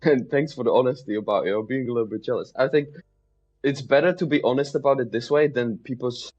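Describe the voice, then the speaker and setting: Speaking fast in a medium-pitched, darkish voice with a breathy edge, a Czech man in his 20s chats casually as a podcast guest. He works as a mindset coach and laughs readily. The recording is lo-fi and slightly dull.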